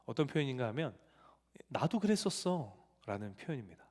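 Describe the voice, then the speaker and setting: A man's voice: mid-range voice, big pitch swings, brisk, darkish tone. A male pastor preaching a sermon in a church sanctuary, telling family stories in a conversational way. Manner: conversational storytelling with family anecdotes. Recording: long church hall reverb.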